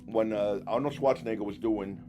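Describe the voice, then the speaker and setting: A man hosting a podcast in casual chat, telling stories in a halting, rambling way with many restarts. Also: fairly low pitch, over music. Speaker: podcast host.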